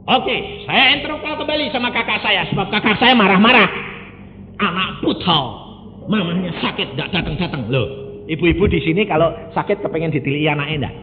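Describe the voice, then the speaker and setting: Male pastor, animated storytelling sermon, fairly high voice, sounds like a phone-thin recording from a big hall. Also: brisk, a little hiss or hum. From Indonesia. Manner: storytelling, swings from quiet asides to loud exclamations. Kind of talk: sermon with personal testimony. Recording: echoey hall over a tinny line.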